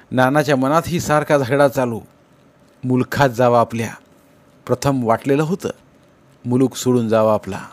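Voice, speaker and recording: A man reads a story aloud in a steady, measured way. His voice sits at an ordinary middle pitch and keeps an even, unhurried audiobook delivery. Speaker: audiobook narrator. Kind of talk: storytelling narration.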